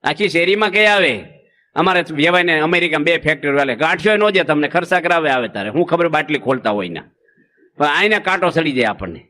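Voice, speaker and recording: A monk delivering a folksy sermon, telling stories and asking the audience rhetorical questions. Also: male voice, a little high, lively intonation, fast, sharp tone.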